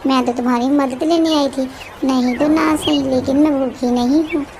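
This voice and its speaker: A sickly old cartoon auntie, voiced by a woman, high-pitched and complaining, kind at heart but quick to scold. A noisy hiss sits under the voice. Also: steady tone, a little mellow. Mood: weary.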